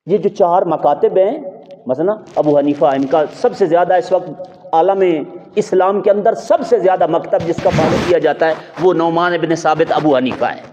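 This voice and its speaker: A man's voice: a little high, mellow, slight background noise. A male religious scholar giving a sermon, telling stories with emphatic rhetorical questions. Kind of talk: sermon storytelling. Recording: dull lo-fi audio in a long-reverb hall.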